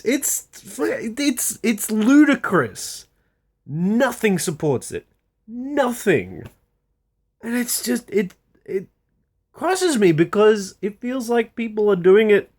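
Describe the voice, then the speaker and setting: Slow, exasperated, emphatic ranter. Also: medium pitch. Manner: exasperated, emphatic, repeats phrases, halting; blunt, swearing. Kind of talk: unscripted opinion rant to camera.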